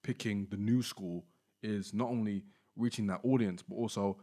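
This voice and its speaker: A man's voice: lowish voice, fairly even intonation, normal speed, dark tone. A man giving opinions on music in casual, slangy podcast chat.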